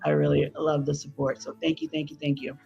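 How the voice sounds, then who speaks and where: A woman's voice: sits low, level tone, a little fast, creaky, mellow, lo-fi sound, faint music behind. A woman speaking as a guest on a casual live stream chat, friendly and grateful. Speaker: interview guest, channel host.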